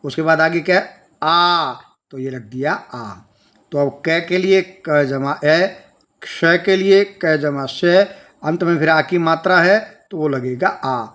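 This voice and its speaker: Patient man teaching letters slowly. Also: fairly high pitch, fairly bright tone. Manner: slow, patient, spelling out sounds step by step. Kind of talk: Sanskrit lesson for children.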